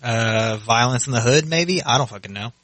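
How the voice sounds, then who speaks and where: Bright-sounding guy cohosting a podcast, lots of ums, swears a bunch, dry close mic. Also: mid-range voice, normal speed, dry recording. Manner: hesitant, swears often, many fillers. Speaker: podcast co-host. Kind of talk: casual chat.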